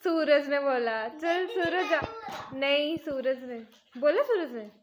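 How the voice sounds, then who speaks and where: A woman's voice: high-pitched, lively intonation, slow pace, noisy background. A young woman, a tuition teacher giving playful, bossy instructions to her students in a casual vlog. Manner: bossy, playful, mixing Hindi and English.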